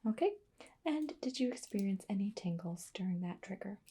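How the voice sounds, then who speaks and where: Breathy whispering woman. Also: mid-range voice, lively intonation, moderate pace. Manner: soft whispering with frequent fillers. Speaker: ASMR artist. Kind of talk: ASMR whispered roleplay.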